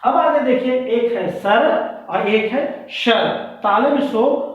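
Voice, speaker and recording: A man teaching a grammar lesson, repeating words slowly and quizzing his listeners. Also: very high-pitched. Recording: echoey, distant, dull room sound.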